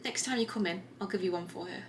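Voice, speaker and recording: A woman's voice: mid-range voice, quick pace, slight background noise, natural voice. A woman reading aloud the lines of a chatty old woman working in a café, about seventy, from her own manuscript. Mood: friendly.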